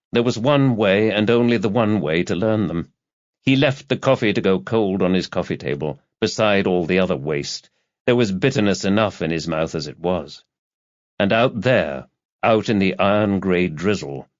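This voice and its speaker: A man with a fairly low voice narrates a literary thriller for an audiobook in a measured, dramatic way, like scripted storytelling. The recording is very dry and slightly dull, with no room sound around his voice.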